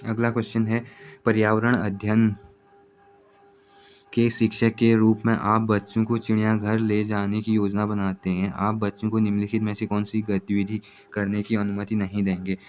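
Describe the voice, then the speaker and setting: A man teaching exam preparation, reading out multiple-choice questions and their answers in a steady, repetitive way. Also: lowish voice, normal speed, slight background noise.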